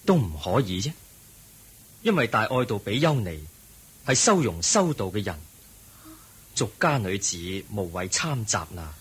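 A man with a Hong Kong Cantonese accent playing the Buddha as a calm, gentle and wise teacher in a radio drama. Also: on the low side, slightly rough, exaggerated voice. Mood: calm counsel. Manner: gentle, measured, preaching.

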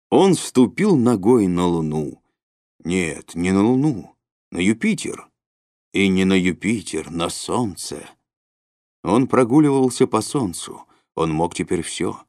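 A man narrating a literary audiobook in an expressive way, with sudden rises and drops. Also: lowish voice, dry recording, studio quality. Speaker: audiobook reader.

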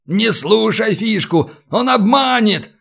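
A man's voice: high-pitched, lively intonation, unhurried, gravelly, fairly bright tone, voice pushed up, heavily acted. A man voicing a terrified young bandit who pleads and bargains for his life. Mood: panicky. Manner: pleading, panicky.

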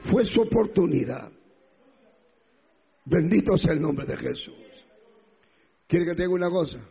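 A man's voice: fairly high pitch, expressive, measured pace, gravelly, slightly rough. A male pastor preaching a sermon emphatically, with rhetorical questions and repetition. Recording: echoey hall, dull lo-fi sound.

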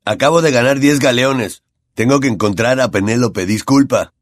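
A man voicing a cheerful young male student in an audiobook, speaking briskly. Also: medium pitch, no echo, studio quality, lightly acted. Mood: pleased.

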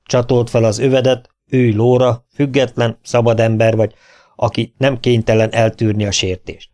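A man's voice: mid-range voice, level tone, darkish tone, lightly acted. Sex: man. Figure: a man doing a stern commanding sheriff. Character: stern small-town sheriff, firm and commanding.

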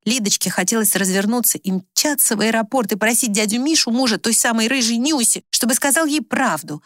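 A woman narrating an audiobook in an expressive storytelling manner. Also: a little high, fairly quick, dry recording, clean studio sound.

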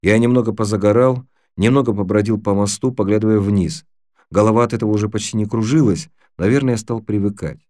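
A man with a voice on the low side narrates an audiobook in a measured, even storytelling style. The recording is studio quality with no echo.

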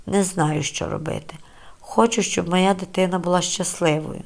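A frail young pregnant woman, as an audiobook narrator puts her on, with a soft, trembling voice pitched a little low. She pleads tearfully and sounds fragile. It is a storybook reading of a quiet, scared figure. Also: fairly even intonation, moderate pace, creaky. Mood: frightened, pleading.

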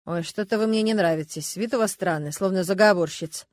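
A woman's voice: mid-range voice, a little fast, darkish tone, dry recording, studio quality, lightly acted. A woman voicing a suspicious husband who grumbles and lectures warily.

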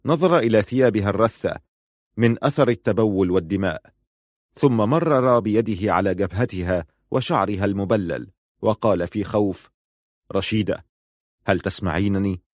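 A male audiobook narrator with a low voice tells the story in a steady, measured manner. The recording is dry, with clean studio sound.

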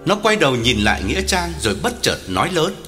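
A man reading a suspenseful story aloud as an audiobook narrator, with an expressive delivery. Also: a little high, fast talker, in a large hall, music in the background.

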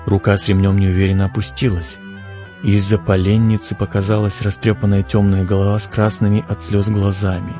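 A man reading an audiobook aloud in a measured, expressive way. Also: on the low side. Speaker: audiobook reader. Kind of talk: audiobook narration. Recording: dull lo-fi audio with music.

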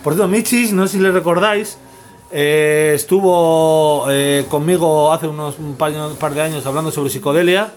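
A man's voice: on the high side, steady tone, normal speed. A man in his forties with an accent from Spain, hosting a casual music podcast, rambling and swearing freely. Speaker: podcast host.

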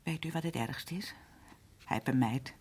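In a Dutch radio drama, a woman plays a worn-down, older working-class housewife and mother who rambles on plaintively and confidingly in a husky voice. Her pitch is extremely low, her pace normal, and her tone a little mellow, with a confiding, bitter mood.

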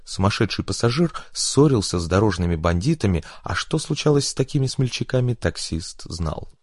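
Deep-voiced male audiobook narrator. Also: expressive, brisk, darkish tone, dry recording, clean studio sound.

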